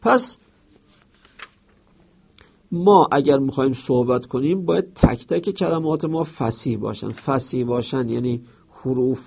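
A man's voice: medium pitch, vocal fry, pauses often, slightly rough, highs cut off. A man teaching a lesson on eloquence, explaining a rhetoric textbook with everyday examples and reading out Arabic passages.

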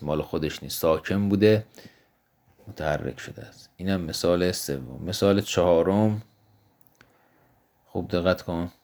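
A man's voice: sits low, darkish tone. A man teaching Arabic grammar in a recorded lesson, patiently explaining and answering his own questions. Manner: slows down to spell out example words.

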